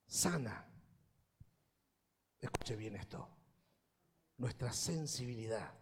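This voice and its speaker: A male pastor delivering a Sunday sermon, shifting between quiet reflection and impassioned, emphatic preaching. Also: medium pitch, lively intonation, takes it slowly, breathy edge. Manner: impassioned preaching that swells to loud emphatic peaks. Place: church service.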